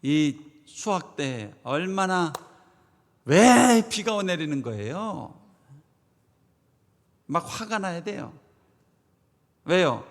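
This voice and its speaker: A pastor preaching a Sunday sermon, swinging from loud proclamations to hushed asides and asking the congregation rhetorical questions. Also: male voice, sits high, sing-song, drawn-out words, pauses often. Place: church sanctuary. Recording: long church reverb.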